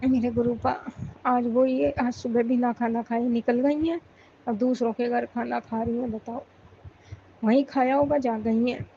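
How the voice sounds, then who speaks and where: A woman speaks in a pleading, prayerful monologue, her voice a touch high but held in a narrow, flat-sounding range. Her tone is mellow and soft-edged. The recording is dull and lo-fi, with faint ambient noise underneath. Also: creaky. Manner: pleading, emotional, prayerful repetition. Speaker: devotee sharing a personal prayer. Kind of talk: devotional monologue.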